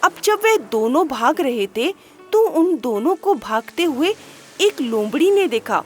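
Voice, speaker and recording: A woman narrates a children's moral story in a high, expressive voice. She takes an unhurried pace and asks the listener rhetorical questions, with soft music underneath.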